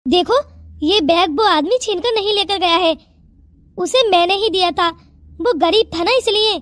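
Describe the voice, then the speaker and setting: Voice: very high-pitched, unhurried, a bit bright, dry recording. A voice artist playing a headstrong, boastful rich young woman in a cartoon story. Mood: scornful. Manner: defiant, boastful.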